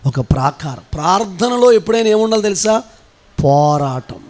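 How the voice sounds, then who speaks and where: An animated male pastor from India with a Telugu accent delivers a sermon, shifting from low, rapid speech to shouted commands and sing-song chanting.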